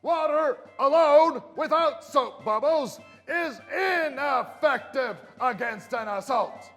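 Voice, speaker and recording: A barking drill sergeant. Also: male voice, extremely high pitch, expressive, exaggerated voice. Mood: commanding. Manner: shouted military commands, drawn-out emphatic delivery. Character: barking, strict male army drill sergeant. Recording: long reverb with music underneath.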